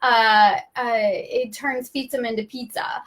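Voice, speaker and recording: Fast-talking high-voiced woman teaching. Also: fairly even intonation, fairly bright tone. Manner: rapid, chatty, talks like an auctioneer. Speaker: social media video trainer. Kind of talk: casual live-stream teaching.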